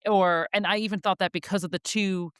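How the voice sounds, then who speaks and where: A woman's voice: mid-range voice, brisk, clear, resonant tone, no echo, clean studio sound. Chatty young woman co-hosting a podcast. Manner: animated, lots of "like" fillers. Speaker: podcast co-host. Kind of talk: casual book chat.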